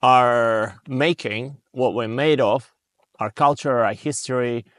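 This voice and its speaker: A man's voice: mid-range voice, takes it slowly, no room sound. Russian-accented man in his thirties, dry sound. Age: 30s. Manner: reflective, hesitant with frequent fillers. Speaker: podcast guest. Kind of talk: casual conversational storytelling.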